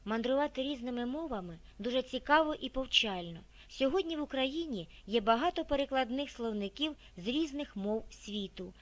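Reading a library video script, a high-pitched woman delivers it in a measured, expressive way. Listed words are separated by deliberate pauses.

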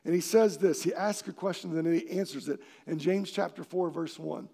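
Animated high-voiced male pastor preaching. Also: moderate pace, creaky. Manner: animated, acts out quoted voices and shouts for emphasis. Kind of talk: sermon. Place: church sanctuary.

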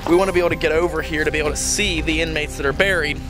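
Walking outdoors past a creek and cemetery, a young man speaks upbeat into a handheld camera at arm's length for his casual vlog. He talks rapid-fire in a slightly high voice with fairly even intonation, and music plays underneath.

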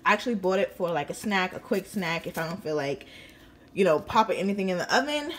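Young woman in her 20s chatting on a phone vlog, kinda low voice, easygoing, says really really good a lot. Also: expressive, quick pace, a little hiss or hum. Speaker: vlogger. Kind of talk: casual vlog chat. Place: car, then home kitchen.

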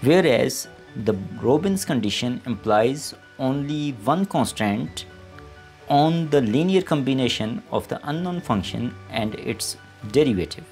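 Male lecturer, gravelly voice, scripted lesson read in short dictated phrases, music behind. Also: medium pitch, animated, a little mellow. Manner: deliberate, reading aloud in short phrases as if dictating. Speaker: maths lecturer.

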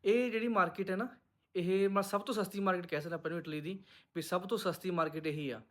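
Fast-talking Punjabi man vlogging. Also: high voice, steady tone, a bit bright, no room sound. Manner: chatty, addresses viewers as friends. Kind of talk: casual vlog narration to viewers.

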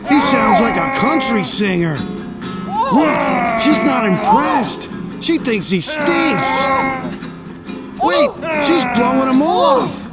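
A man giving exaggerated comic voice-over commentary, yelling crude insults. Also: very high-pitched, very animated, takes it slowly, long pauses, over loud music. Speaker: comedy narrator.

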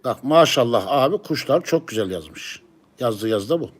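A man's voice: medium pitch, expressive, normal speed, breathy edge. A man in casual conversation, explaining things step by step and often repeating himself. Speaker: pigeon live-stream channel owner. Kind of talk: casual chat.

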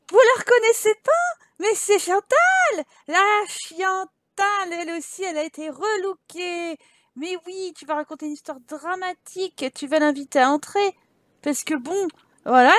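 A woman's voice: sits high, no room sound. A woman commenting casually on a life-simulation game, chatty and teasing as she scolds the game characters. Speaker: gaming YouTuber. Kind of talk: casual let's-play commentary.

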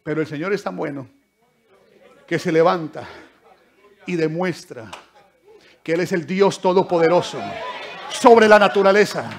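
A pastor delivers a sermon in church in a high voice, unhurried and pausing often. He alternates between loud outbursts and soft asides and keeps calling out to his listeners as brothers.

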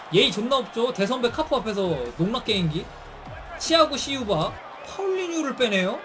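High-pitched man shouting live game commentary. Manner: shouting bursts at big plays, slangy. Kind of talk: excited live esports commentary. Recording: stream with game music and crowd noise.

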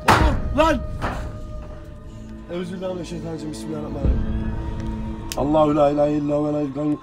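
A man's voice: on the high side, very animated, fast talker, music in the background. A young man on a night ghost-hunting vlog, frightened and pleading, muttering prayers under his breath. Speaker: treasure-hunting vlogger. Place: abandoned village outdoors at night.

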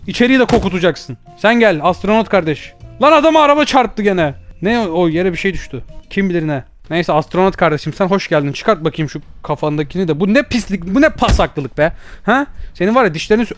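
Brief: young male gamer, high voice, rapid-fire teasing commentary, faint music underneath. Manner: excitable, teasing, bursts of shouting and laughter. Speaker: gaming YouTuber. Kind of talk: playful VR gameplay commentary.

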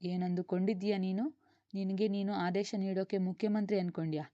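Stern scolding mother, read by a woman, flat low delivery, dull audio. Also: fairly quick, no echo, natural voice. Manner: scolding, commanding. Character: stern angry mother, middle-aged.

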